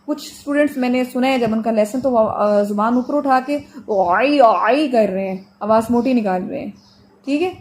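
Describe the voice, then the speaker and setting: A woman teaching the pronunciation of Quranic letters in an online class, explaining patiently with everyday examples and drawing out sounds slowly for students to copy. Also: a little high, darkish tone. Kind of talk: online tajweed lesson.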